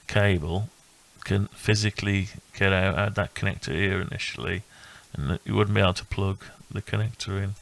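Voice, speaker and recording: A man with a low, creaky voice and a flat delivery gives a casual, unscripted walkthrough of his own electronics build. He thinks aloud, halting and rambling.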